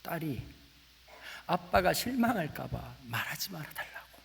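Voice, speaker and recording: Man, 40s, pastor preaching, animated storytelling, gravelly voice, long church reverb. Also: fairly high pitch, measured pace. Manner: animated, acts out family dialogue, drops to whispers. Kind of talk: sermon with storytelling. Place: church sanctuary. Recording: echoey church hall with faint hiss.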